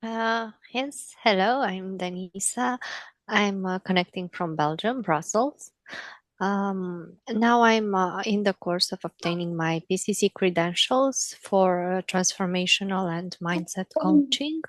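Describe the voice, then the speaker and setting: A woman introduces herself over a video call in a measured way with some fillers. Her voice is at a middle pitch and the sound is dry and close. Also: no room sound. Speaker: coach in training.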